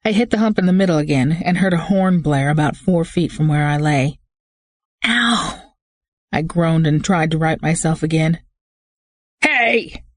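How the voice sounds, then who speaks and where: An audiobook narrator reading a first-person thriller with steady, tense storytelling. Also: medium pitch, a little fast, hardly any pauses, dry recording, studio quality.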